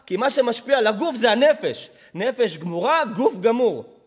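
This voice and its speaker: Man, rabbi, high voice, emphatic sermon, loud then hushed. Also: big pitch swings, slightly rough. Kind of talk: sermon with dramatic storytelling.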